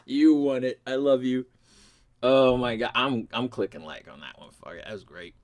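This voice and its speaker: A man's voice: mid-range voice, moderate pace, noisy background. Laughing, profane middle-aged man. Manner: animated, profane, laughing often. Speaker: comedy video host. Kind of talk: casual reaction commentary.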